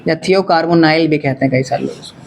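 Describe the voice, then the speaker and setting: Man, chemistry teacher, classroom lecture, asks and answers own questions, mid pitch, light hiss. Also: little pitch movement, racing, gravelly, a little mellow.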